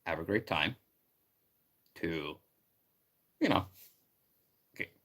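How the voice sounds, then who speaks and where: Deep-voiced excitable male streamer. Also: takes it slowly. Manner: excitable, rambling, shouts greetings to viewers. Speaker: live streamer. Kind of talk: casual live stream chat.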